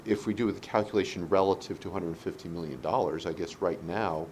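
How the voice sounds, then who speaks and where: A man speaking as a board member in a meeting, thinking aloud and haltingly as he questions a presenter. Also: a little mellow. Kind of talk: meeting discussion. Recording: low background noise in a meeting.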